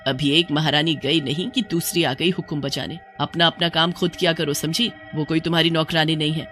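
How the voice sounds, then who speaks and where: A narrator voicing a sharp-tongued old widowed mother-in-law who scolds her daughters-in-law. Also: mid-range voice, steady tone, a little fast, faint music behind, natural voice. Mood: scolding.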